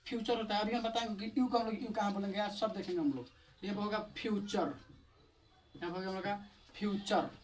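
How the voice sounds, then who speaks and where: A teacher walks through English pronunciation in a video lesson, spelling each word out letter by letter. The delivery is casual and chatty, with frequent rhetorical questions. The voice sounds a little distant from the mic. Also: medium pitch. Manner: explains step by step in a casual, chatty tone.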